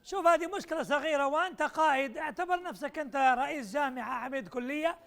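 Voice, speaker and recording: A man guiding a puzzle exercise at a conference workshop teases participants and hurries them along, moving between Arabic and English. He talks quickly in a very high-pitched, creaky voice with a fairly bright tone.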